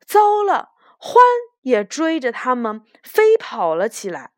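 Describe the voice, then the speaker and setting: A woman reading a children's picture book aloud with gentle, expressive narration. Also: on the high side, measured pace, no echo, clean studio sound. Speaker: children's storyteller.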